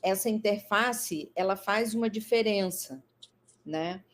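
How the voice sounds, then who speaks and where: A woman's voice: mid-range voice, takes it slowly. Woman, psychologist guest, reflective and explanatory, mid-range voice. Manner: thoughtful, explanatory, frequent fillers. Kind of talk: live interview conversation.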